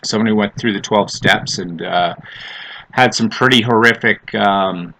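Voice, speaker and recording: A middle-aged man with a smoker's rasp giving an opinionated, off-the-cuff monologue, blunt and emphatic, repeating phrases to drive them home. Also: fairly low pitch, a little slow, pushed and bright, rough recording. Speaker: vlogger on adoptee issues.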